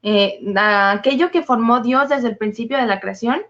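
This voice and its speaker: A woman's voice: fairly high pitch, moderate pace, fairly bright tone. A woman teaching a Bible study, methodically explaining the meanings of scripture words. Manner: methodical, listing definitions. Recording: dull lo-fi recording.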